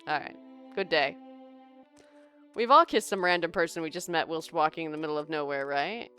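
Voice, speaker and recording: A woman's voice: sits low, moderate pace, pushed and bright, faint music behind. A woman streamer giving casual, playful gameplay commentary, chatting to viewers and thinking aloud. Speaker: game streamer.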